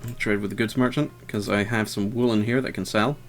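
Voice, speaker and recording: A man talks through a video game in a loose, meandering way, stopping often for ums and uhs. His voice sits on the lower side, and he pokes fun at his own play. Faint game music runs behind him. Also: fairly even intonation, brisk. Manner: rambling, hesitant, lots of fillers; self-deprecating and wry. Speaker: let's player. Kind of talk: casual gameplay commentary.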